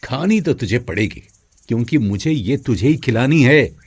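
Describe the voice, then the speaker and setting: A man voicing an arrogant, bullying elder brother, scolding and commanding, in an animated moral story. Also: medium pitch, normal speed, slightly rough. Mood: angry.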